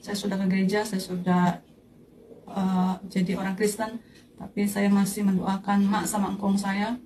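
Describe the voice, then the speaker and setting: A woman telling a personal faith testimony in a slow, earnest way, recounting a vision. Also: mid-range voice, little pitch movement, mellow, rough recording. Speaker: church testimony speaker.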